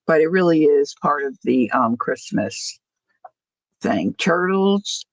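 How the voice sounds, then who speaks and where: A woman's voice: deep voice, lively intonation, takes it slowly, no room sound, poor audio. An older woman chatting casually as a livestream host, rambling easily through asides, her words slightly slurred from missing front teeth. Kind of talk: casual chat.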